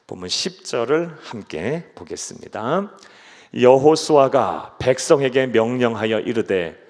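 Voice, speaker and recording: Male pastor, fairly high voice, preaching emphatically, long church reverb. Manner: emphatic preaching that swings between soft asides and loud exhortations. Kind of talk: sermon. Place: church sanctuary.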